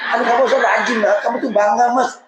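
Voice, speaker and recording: A man's voice: very high voice, steady tone, a little fast, crowd noise, pitched above the performer's own voice. A man voicing a nagging, defensive young wife in a raised, whiny voice during a sermon. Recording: roomy mosque echo.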